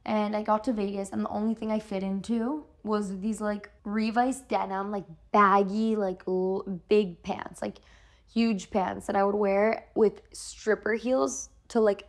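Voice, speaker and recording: A woman's voice: mid-range voice, darkish tone. A young woman telling a candid personal story on a podcast, chatty and casual, filling her speech with "like" and swearing freely. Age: young adult. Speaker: podcast guest.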